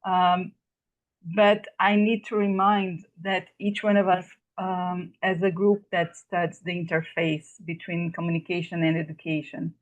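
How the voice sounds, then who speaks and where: On a video call with dull audio, a native Portuguese-speaking woman from Brazil, whose accent is Brazilian Portuguese, gives a casual online class presentation as a guest lecturer. She speaks with a fairly low pitch, level tone, and measured pace, yet sounds hesitant and apologetic, with many fillers and restarts.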